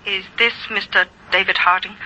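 High, piercing mysterious telephone informant. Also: male voice, fairly even intonation, sharp tone, slight background noise. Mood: guarded, grave. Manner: formal, deliberate phrasing. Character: guarded, formal mysterious informant seeking protection. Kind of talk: 1940s radio drama acting. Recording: tinny, band-limited old radio phone voice.

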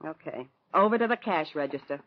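A woman's voice: sits low, expressive, fairly quick. An actress playing a tough, bossy woman bank robber in an old radio crime drama, with a curt, commanding manner. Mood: hard, commanding. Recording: muffled, noisy old radio recording.

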